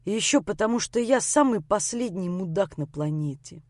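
A woman's voice: mid-range voice, expressive, normal speed, darkish tone, no echo, clean studio sound, natural voice. A woman reading the part of a bitter, injured young man who lashes out in harsh bursts of self-hatred. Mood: remorseful. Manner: harsh, self-hating outbursts.

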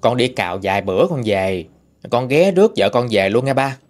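A man's voice: medium pitch, very animated, fairly quick, faint music behind, lightly acted. A man voicing a polite, deferential fisherman speaking to his father-in-law.

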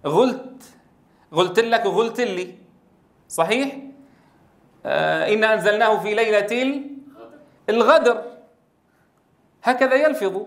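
A man from Syria giving a lecture on Quran recitation, acting out different pronunciations and often checking with his listeners. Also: high voice. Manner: animated, demonstrates pronunciations and recitation, asks the audience. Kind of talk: classroom lecture.

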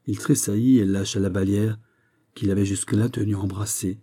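A lowish male voice reads a classic novel aloud for an audiobook, keeping his narration steady, even, and measured.

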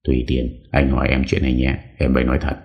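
A man voicing an earnest young husband who questions gently. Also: rumbling low, completely flat delivery, fast, dull audio.

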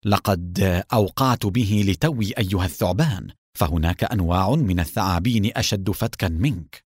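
A man voicing a calm, sarcastic male secret agent hero in an audiobook. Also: sits low, fairly quick, slightly rough, no echo, studio quality. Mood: calm mocking.

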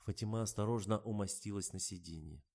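A man reading comic fiction aloud in an expressive storytelling manner. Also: on the low side, fairly quick, creaky. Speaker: audiobook reader. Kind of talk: scripted comic narration.

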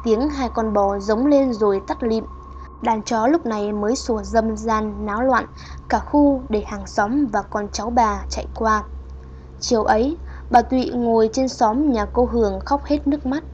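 A woman narrating a folk horror story in a steady storytelling voice, in a dull lo-fi recording. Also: a little high, normal speed. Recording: dull lo-fi audio with faint hiss.

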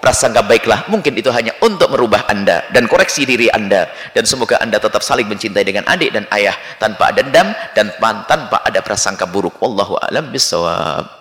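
Lively man preaching in an echoey hall. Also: fairly low pitch, brisk. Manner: lively, jumps between loud emphasis and quiet asides. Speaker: Islamic preacher. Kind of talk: sermon answering questions. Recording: echoey hall with long reverb.

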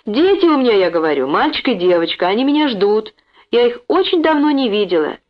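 A woman's voice: on the high side, big pitch swings, a little fast, pitched above the performer's own voice. A polite teacher and mother pleading with a stubborn stranger, raising her voice to be heard, as a woman narrator reads her. She sounds earnest and insistent. The recording is dull and lo-fi. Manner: pleading, raised voice.

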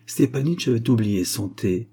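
A man narrating a classic story in a calm, measured way. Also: mid-range voice, vocal fry, husky. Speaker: audiobook narrator.

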